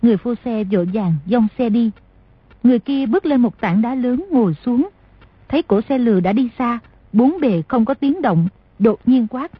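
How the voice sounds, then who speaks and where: Very husky woman narrating. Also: on the high side, moderate pace, no room sound. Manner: steady storytelling. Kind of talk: audiobook narration. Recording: dull lo-fi dry recording.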